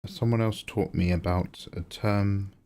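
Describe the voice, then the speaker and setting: A man with a deep, relaxed voice hosts a casual livestream. His tone is dark and mellow. He rambles along conversationally, thinking aloud as he talks to his viewers. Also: measured pace. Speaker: streamer and digital artist.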